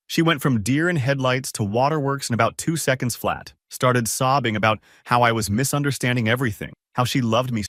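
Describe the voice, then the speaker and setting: A man's voice: medium pitch, a bit bright, no room sound, clean studio sound. A man reading a first-person story aloud in a casual, conversational way. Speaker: narrator.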